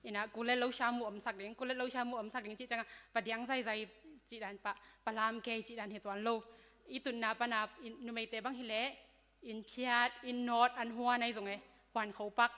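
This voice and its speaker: A woman's voice: a little high, flat delivery, fast talker, a bit bright. A woman speaking at a church youth seminar, giving a conversational health talk with many fillers. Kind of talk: informal health talk to young people. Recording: hall reverb.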